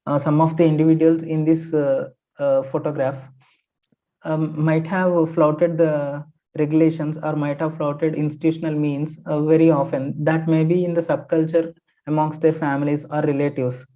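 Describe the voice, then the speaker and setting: A man's voice: on the high side, level tone, normal speed, warm tone. A man, a sociology teacher explaining newspaper articles in a methodical lecture full of fillers and restarts. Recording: dull lo-fi sound.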